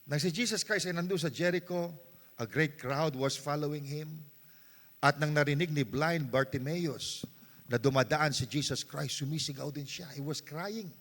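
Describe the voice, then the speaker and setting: A man with a Filipino accent, preaching a sermon as pastor with passion and mixing Tagalog and English, moving from hushed passages to shouting. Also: on the high side, moderate pace. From Philippines. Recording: long reverb of a church hall.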